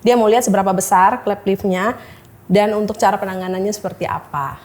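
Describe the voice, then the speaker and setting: Woman, thirties, hesitant, halting, emotional testimony, interview guest. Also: mid-range voice, steady tone, darkish tone. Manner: hesitant, many fillers, quotes doctors in dialogue. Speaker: guest sharing her story.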